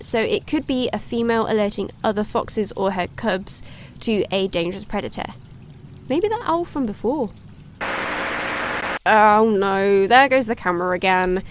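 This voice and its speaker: An actress playing a cheerful young woman hosting a woodland wildlife livestream, chatty and excitable. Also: mid-range voice, slight background noise, lightly acted. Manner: chatty, excitable, gasps at sightings. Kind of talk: audio drama, chatty live-stream narration.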